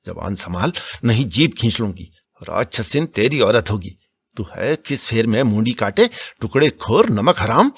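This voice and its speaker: A man putting on a shrill, furious village woman. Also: big pitch swings, moderate pace, vocal fry, hardly any pauses, a bit bright, husky, exaggerated voice. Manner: shrieking, scolding, wailing. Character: fierce shrill village woman, sharp-tongued, middle-aged.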